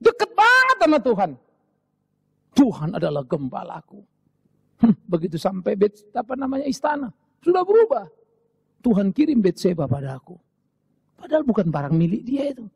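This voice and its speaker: Gravelly, animated Indonesian preacher man. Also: sits high, moderate pace, pauses often, no echo, clean studio sound. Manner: animated preaching, swinging from shouts to whispers. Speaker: pastor. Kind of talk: sermon.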